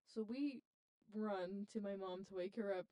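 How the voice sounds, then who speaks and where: A woman's voice: medium pitch, unhurried, warm tone. A young woman co-hosting a student podcast, telling a story in casual chat and giggling often.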